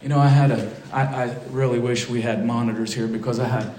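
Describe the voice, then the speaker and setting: A man's voice: medium pitch, little pitch movement, a little fast, warm tone, roomy sound, distant mic, rough recording. A man preaching a sermon in a church, building to emphatic, fervent declarations. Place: church sanctuary.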